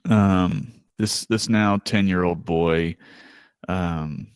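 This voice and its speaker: A man with a low voice co-hosts a casual podcast chat. He talks in an easygoing, hesitant way full of ums and uhs and laughs often. The sound is dry and close. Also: steady tone, extremely slow, smooth, no echo. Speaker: podcast co-host.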